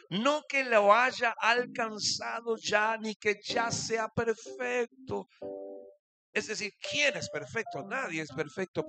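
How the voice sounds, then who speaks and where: A man preaching a sermon as pastor, repeating phrases, calling for amens and swinging from soft talk to shouts. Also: high voice. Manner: repeats phrases, calls for amen.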